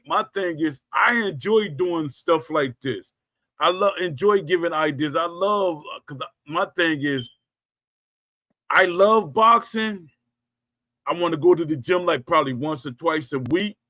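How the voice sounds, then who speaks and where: This middle-aged podcast host has a bright, forceful voice on the high side, captured in a dry recording. Telling stories in a loose, rambling livestream chat, he keeps starting over, fixing what he said, and reading live chat comments aloud.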